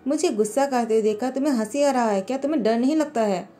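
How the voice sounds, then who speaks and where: A woman's voice: on the high side, fast talker, dark tone, soft background music, lightly acted. Woman playing a grumpy, bossy young husband. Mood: irritated. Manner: irritated, scolding. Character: short-tempered young husband, grumbling and bossy.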